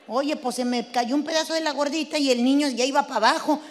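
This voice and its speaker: A woman's voice: high voice, fairly even intonation, fast talker. A middle-aged woman with a Mexican accent performing a stand-up comedy routine, telling crude, brash stories. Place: stage before a live audience. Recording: live venue with long reverb, faint noise.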